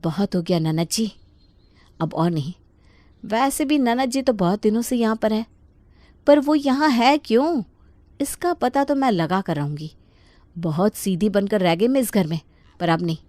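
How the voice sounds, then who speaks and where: A woman's voice: mid-range voice, measured pace, long pauses, darkish tone, no room sound, pitched above the performer's own voice, natural voice. Woman voicing a patient young daughter-in-law. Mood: determined. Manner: pleading, then firm and resolved.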